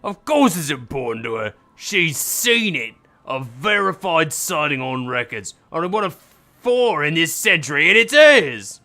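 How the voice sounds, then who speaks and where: A man puts on a fervent male cryptozoologist from a video game, stubborn and emphatic. His delivery is fairly high and sharply forceful, declaiming each point. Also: big pitch swings, a little slow, heavily acted. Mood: proud. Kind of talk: game dialogue read aloud.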